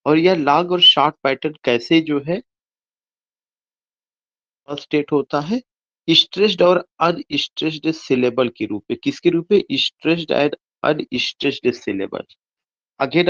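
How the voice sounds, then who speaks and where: Male tutor, deliberate and repetitive, asks and answers his own questions; muffled low-fi audio. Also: fairly bright tone. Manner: repeats each point and quizzes himself aloud; reads English slowly word by word, explains in quick Hindi. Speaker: English literature teacher. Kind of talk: exam-prep lecture mixing Hindi and English.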